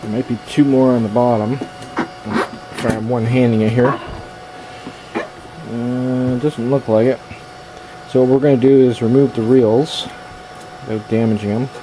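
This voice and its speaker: Recorded on a handheld camera's built-in microphone, with noisy sound and a steady background hum, a man mutters through repairs. He's an electronics repair hobbyist hosting a video from a workbench in a small indoor workshop, his mid-range voice halting as he thinks aloud in casual, hands-on commentary.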